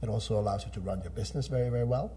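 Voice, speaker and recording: A man's voice: fairly low pitch, very fast, dark tone, slight background noise. A middle-aged man, a business executive giving thoughtful, conversational interview answers. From Norway. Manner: thoughtful, with frequent restarts and fillers.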